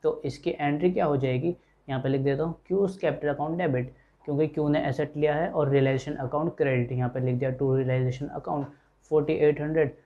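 A man's voice: a little high, fairly even intonation, fast talker, phone-quality sound. A man teaching an accounting lecture, explaining step by step and voicing his students' questions himself. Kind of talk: classroom lecture.

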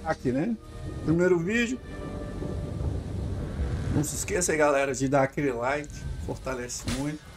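Man, Brazilian accent, young adult, gameplay commentary, excitable, swears, game music behind. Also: a little high, normal speed, pauses often. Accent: Brazilian Portuguese. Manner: excitable, swears, yells in fights. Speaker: gaming YouTuber.

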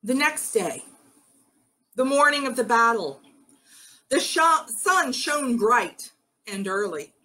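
Brief: woman storyteller for a ritual, unhurried, earnest, rather high voice. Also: expressive, bright, forceful tone, poor audio. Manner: slow, earnest, rallying.

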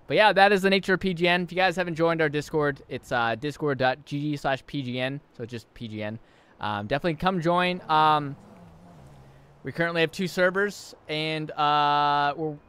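A man's voice: a little high, fairly bright tone, smooth. A man giving casual, rambling live-stream commentary on a game, amused and often repeating himself.

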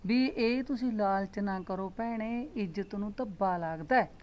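A woman's voice: medium pitch, normal speed, a little mellow, natural voice. A middle-aged woman playing a chatty, meddling village aunty who coaxes and advises her neighbors. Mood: advising. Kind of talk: village comedy skit acting.

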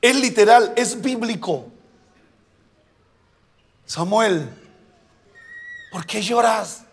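A male pastor preaching a sermon, asking the congregation questions and shouting out the key words. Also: high voice, expressive, very slow, creaky, slightly rough, long reverb tail.

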